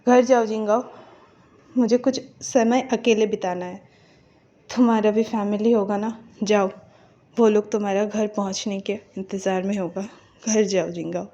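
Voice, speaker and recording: A woman's voice: a little high, normal speed, long pauses, mellow, close to an everyday voice. A woman voicing a heartbroken young man, pleading. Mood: tearful. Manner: begging, stammering. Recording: dull lo-fi recording.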